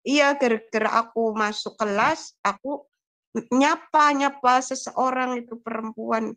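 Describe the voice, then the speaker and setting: This is a woman telling her own story in a relaxed, chatty way, slipping into lively quoted voices. Her voice sits a bit higher than most women's. She is talking over a remote call. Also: measured pace. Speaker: testimony giver. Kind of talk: conversational personal testimony.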